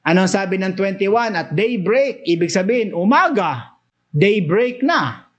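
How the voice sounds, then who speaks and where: A man's voice: sits high, lively intonation, normal speed, muffled recording. A man with a Filipino accent preaching a Bible study sermon, switching between Tagalog and English, reading verses aloud and then explaining them with rising, emphatic bursts.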